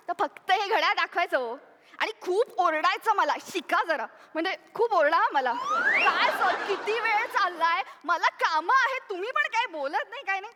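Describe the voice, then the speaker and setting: A woman playing a rambling, late-running secretary. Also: very high-pitched. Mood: cheeky. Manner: rambling, pleading, giggly excuses. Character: chatty young female secretary, always late, scatterbrained. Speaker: talent show contestant. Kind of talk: stage comedy monologue. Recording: echoey hall with audible noise.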